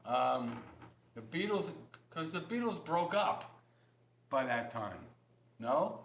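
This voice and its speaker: A man's voice: fairly high pitch, very animated, takes it slowly, gravelly, fairly bright tone. A man as a guest on a talk show, answering quiz questions with jokes and emphatic, rambling opinions. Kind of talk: casual interview chat. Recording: roomy studio with faint hiss.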